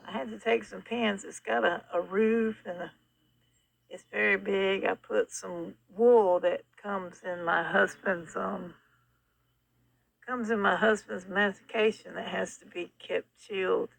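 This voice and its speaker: An older woman with a gravelly, hoarse voice and a sore throat, chatting casually in a rambling, folksy, blunt way. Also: mid-range voice, steady tone, slow pace, a bit bright, no room sound. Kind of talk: casual update about a rescued stray kitten. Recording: faint noise, muffled at times by mask.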